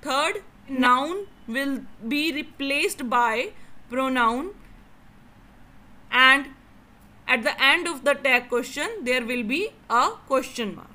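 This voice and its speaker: A young Indian woman teaching a grammar lesson in a high, bright voice. She reads the English rules out slowly and deliberately. Then she switches to brisk Hindi explanations.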